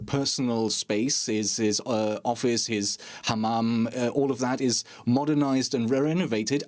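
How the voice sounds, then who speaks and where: A man with a medium-pitched, somewhat mellow voice hosts a casual gaming podcast. He is chatty and self-deprecating, tossing in sarcastic asides.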